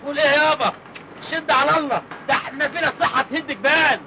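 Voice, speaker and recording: A man's voice: very high voice, fast, heavy background noise. An actor playing a cheeky, naive young village man with an Egyptian accent in a film comedy, joking and self-pitying.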